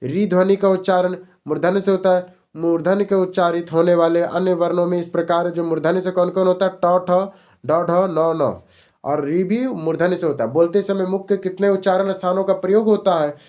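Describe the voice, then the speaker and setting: A man's voice: sits high, steady tone, normal speed, a little mellow. A male teacher running an exam-prep grammar lesson, repeating each question and answer as a drill.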